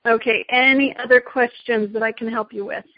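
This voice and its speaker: Woman, teacher, casual Q&A, fairly high flat voice, fillers, dry dull lo-fi sound. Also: a little fast, no echo. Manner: friendly, hesitant with fillers. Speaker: teacher giving advice. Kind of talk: casual Q&A discussion.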